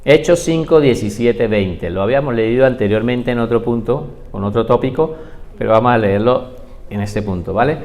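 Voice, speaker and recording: Man teaching an animated Bible class. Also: mid-range voice, normal speed. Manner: animated storytelling with rhetorical questions.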